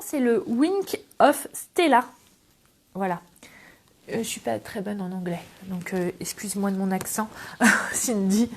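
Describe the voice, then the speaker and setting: A middle-aged woman hosting a casual scrapbooking tutorial, chatty and affectionate with her viewers as she works. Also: fairly high pitch. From France. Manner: chatty and affectionate, talks to viewers while working. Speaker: craft demonstrator and channel host.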